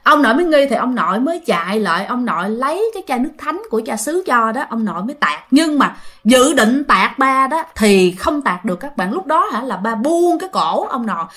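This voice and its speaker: A woman's voice: on the high side, very animated, brisk, fairly bright tone. A woman telling a ghost story in a chatty way, talking directly to her listeners. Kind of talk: casual ghost-story narration.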